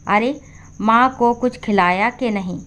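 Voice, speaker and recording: A woman's voice: on the high side, unhurried, fairly bright tone. A woman voicing a tired, short-tempered grown son who speaks curtly in a storybook. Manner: curt and irritated.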